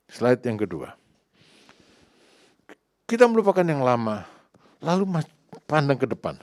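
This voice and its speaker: A middle-aged Indonesian man with an Indonesian accent delivers a sermon in a low voice, recorded dry and close with little room sound. He keeps calling out to the congregation, climbing to loud emphatic peaks and dropping to quiet asides. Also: dry recording. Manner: addresses the congregation repeatedly as "saudara". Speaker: pastor.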